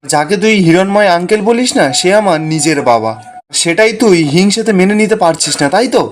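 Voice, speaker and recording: A man's voice: sits high, lively intonation, a little fast, slight background noise. A man voicing jealous scheming young woman. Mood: bitter accusing.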